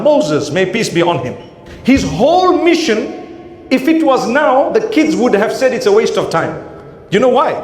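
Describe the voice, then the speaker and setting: A man giving a religious talk as a preacher, teaching emphatically with rhetorical questions. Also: very high voice. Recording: echoey room.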